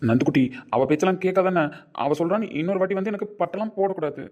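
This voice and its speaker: A man's voice: high-pitched, very fast, darkish tone, close to an everyday voice. A man playing a playful husband who banters with his wife in a mock-stern way. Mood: bantering.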